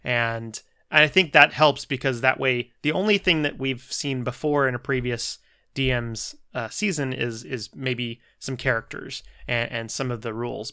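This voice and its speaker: Bright, clear-voiced man chatting. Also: mid-range voice. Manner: rambling, many restarts and fillers. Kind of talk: casual podcast chat.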